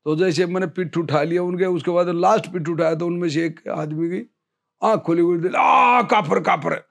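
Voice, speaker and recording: A man in his fifties, an army veteran, telling a story in an interview in a lively way and acting out what others said. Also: fairly high pitch, brisk.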